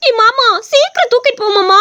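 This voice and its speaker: A woman's voice: very high voice, lively intonation, a little fast, lo-fi sound, heavy background noise, voice pushed up. A woman voicing a pampered young village woman who whines at her sweetheart in a cartoon story. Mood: whiny. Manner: whining, pleading.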